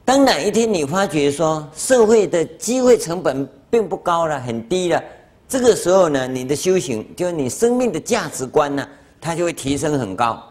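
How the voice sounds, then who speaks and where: Animated Taiwanese-accented man lecturing. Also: fairly high pitch, normal speed. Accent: Taiwanese Mandarin. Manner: animated storytelling, acts out dialogue, chuckles. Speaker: Buddhist master. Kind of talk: dharma lecture. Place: lecture hall.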